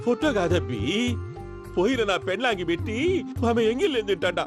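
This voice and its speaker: A gruff rustic old grandfather. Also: high-pitched, sing-song, a little fast, loud music behind the voice. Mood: earnest. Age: older. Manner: rustic dialect, grumbling. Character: blunt rustic old grandfather, gruff and set in his ways. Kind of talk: film dialogue.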